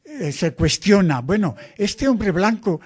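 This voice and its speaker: An older priest talks about his missionary work in a slow, earnest, explanatory way. His voice sits a little on the high side for a man. He lays out each point with care. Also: big pitch swings, a little mellow, breathy edge.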